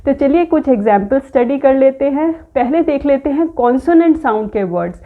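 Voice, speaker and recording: A high-voiced Indian woman gives an English pronunciation lesson, switching between Hindi and English. She slows down and stretches out each example word so learners can hear it. The sound is thin and tinny, like a phone line. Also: lively intonation. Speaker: English teacher. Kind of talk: explaining in a Hindi-English mix, slowing down for example words.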